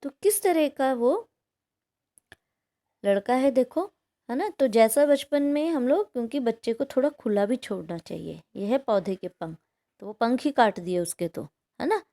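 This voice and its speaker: A woman's slightly high, mellow voice carries lively intonation as she unhurriedly reads a textbook passage aloud to pupils. She then unpacks it line by line, regularly asking "है ना?".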